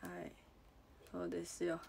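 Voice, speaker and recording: Speaking at normal speed in a lowish, gravelly, somewhat mellow voice, she keeps her delivery completely flat, with a little hiss or hum in the audio. She's a young idol with a Kansai accent doing a casual at-home livestream, going through viewer comments one at a time and giggling often.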